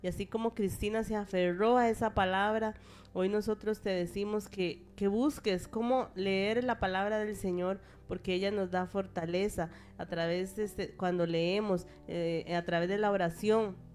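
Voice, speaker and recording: Gentle woman host encouraging listeners. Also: medium pitch, steady tone, moderate pace, faint music behind. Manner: gentle, exhorting, with hesitant fillers. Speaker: radio host.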